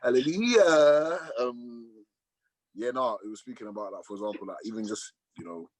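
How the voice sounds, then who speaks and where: A man's voice: lowish voice, brisk, no echo. A young man co-hosting a casual podcast, joking and laughing as he tells stories. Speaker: podcast co-host. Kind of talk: casual chat.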